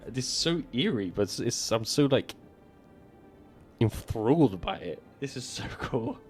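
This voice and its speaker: A man streaming a horror game live, excitedly gushing about it. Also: mid-range voice, a little slow, faint music behind. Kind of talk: live gameplay commentary.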